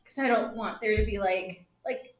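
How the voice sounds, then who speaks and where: A woman playing a tabletop role-playing game, playful and quick to giggle. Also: medium pitch. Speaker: player. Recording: roomy, with audible background noise.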